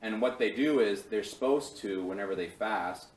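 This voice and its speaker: A man's voice: fairly low pitch, normal speed. A man teaching a casual Bible study, talking in a loose, rambling way with fillers and restarts. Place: church meeting room. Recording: roomy, from a distance, faint background hiss.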